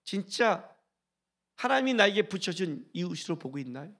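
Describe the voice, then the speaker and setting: A middle-aged man preaching to his congregation as their senior pastor. His voice sits high and bright and moves a lot in pitch. He jumps from loud exhortation to hushed, almost whispered asides. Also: very animated, normal speed. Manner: exhorting, rhetorical questions, swings between loud urging and hushed asides; briefly sings a hymn line during the sermon. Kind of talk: sermon.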